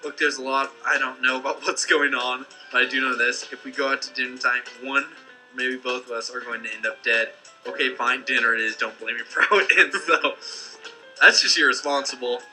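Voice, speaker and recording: A man's voice: medium pitch, steady tone, fairly quick, bright, forceful tone, poor audio. A young man casually commenting on a game, joking, laughing and reading dialogue choices aloud. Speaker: let's play host. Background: game music.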